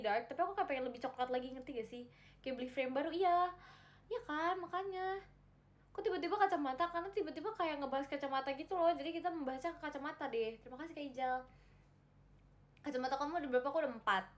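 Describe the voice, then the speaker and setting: A young woman chatting casually on a livestream, reading viewer comments, giggling and repeating herself. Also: sits high. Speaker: livestream host reading chat.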